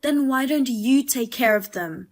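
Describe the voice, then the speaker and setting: A woman telling a drama as the narrator and wife, in a calm, measured and firm way. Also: sits high.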